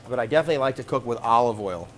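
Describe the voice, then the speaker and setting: A man demonstrating a recipe in a studio kitchen, explaining each step in a relaxed, practical way. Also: medium pitch, rapid-fire, slight background noise. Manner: relaxed, practical, thinks aloud with small restarts. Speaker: cooking demonstrator, fisherman.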